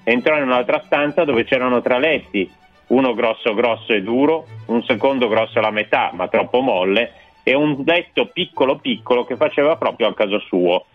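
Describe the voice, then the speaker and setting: A man reading a children's fairy tale aloud on a radio show, in a slow, expressive storyteller's manner. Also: medium pitch, dry recording. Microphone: studio microphone. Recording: dry, tinny radio broadcast with faint music.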